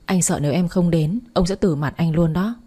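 Woman doing a calm coaxing young boyfriend. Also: on the low side, a little fast, slightly rough. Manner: gentle, coaxing. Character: reassuring young man, calm and confident boyfriend.

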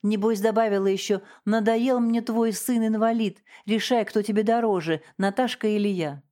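A woman reading a story, voicing a cold, sarcastic wife who speaks in a slow, condescending drawl. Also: medium pitch, fairly even intonation, mellow, lightly acted. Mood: mocking.

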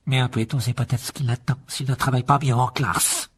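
A man's voice: medium pitch, flat delivery, brisk, breathy edge. A man playing a cold, haughty aristocrat. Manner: cold, clipped and condescending.

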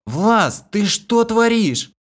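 A man voicing a blunt, quick-tempered young woman in a storybook reading. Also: on the high side, big pitch swings, pitched above the performer's own voice. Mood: indignant.

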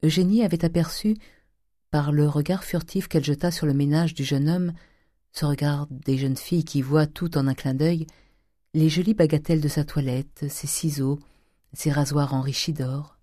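A measured audiobook narrator reading literary prose with expressive care. The voice is dark and mellow, recorded close and dry with no room around it. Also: medium pitch, no echo.

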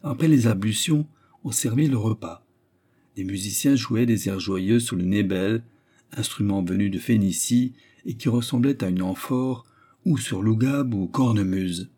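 Husky low-voiced man narrating a tale. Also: measured pace, warm tone. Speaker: audiobook narrator. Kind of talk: literary audiobook reading.

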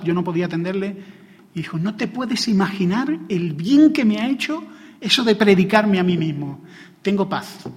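A man preaching a sermon in a Spain Spanish accent, building from plain teaching to fervent, emphatic exclamations. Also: high-pitched. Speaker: pastor. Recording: long hall reverb.

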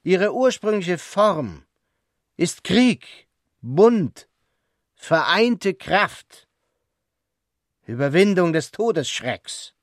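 A solemn preaching prophet. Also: male voice, sits high, big pitch swings, no echo, studio quality, full character voice. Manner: slow, grave and preaching. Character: self-styled prophet, a lecturing, solemn man who preaches male brotherhood. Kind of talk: radio play acting.

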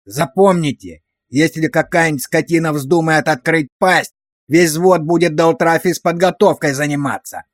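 A man's voice: a little high, normal speed, no echo, clean studio sound, natural voice. A man voicing a harsh, abusive drill sergeant who barks orders and insults at recruits. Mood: barking.

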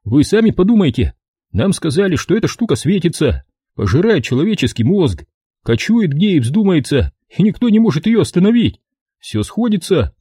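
A man's voice: fairly high pitch, big pitch swings, normal speed, mellow, breathy edge, no echo, studio quality, pitched above the performer's own voice. A man doing a cheeky, sly young soldier. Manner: sly, mocking, rattles on. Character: cheeky young male soldier, mocking know-it-all.

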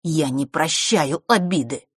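A woman's voice: low voice, a little slow, husky, no room sound, studio quality, exaggerated voice. A woman voicing an arrogant teenage boy who talks down to others and makes threats. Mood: menacing. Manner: condescending, threatening.

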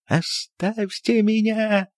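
A man voicing an aging doctor who is bitter and weary, who shouts shrilly in fits and otherwise speaks in a tired, resigned way. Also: medium pitch, lively intonation, normal speed, vocal fry, husky, no echo, studio quality. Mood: furious shouting.

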